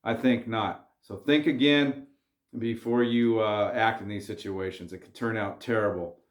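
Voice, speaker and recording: This man's voice sits fairly low, with fairly even intonation and a slightly slow pace, captured in an echoey room. A vlogger talking casually to camera, he gives earnest, slang-filled, relaxed advice about staying cool.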